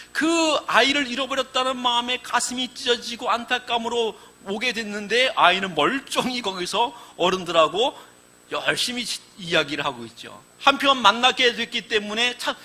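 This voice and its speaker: Male pastor, sermon, very high and bright voice, vivid storyteller who acts out the quotes. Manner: animated storytelling, acting out quoted lines.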